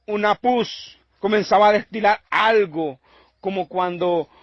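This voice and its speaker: A man with a high voice preaches his own testimony slowly and deliberately. He tells it intensely and circles back over his phrases. The recording is dull, lo-fi and dry. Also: a bit bright, dry recording. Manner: intense, repetitive storytelling. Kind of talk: emotional testimony.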